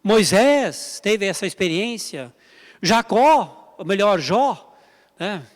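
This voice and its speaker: High-voiced pastor preaching in a hall. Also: male voice, sing-song, takes it slowly. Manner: emphatic, repetitive preaching with direct appeals. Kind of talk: sermon. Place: church service.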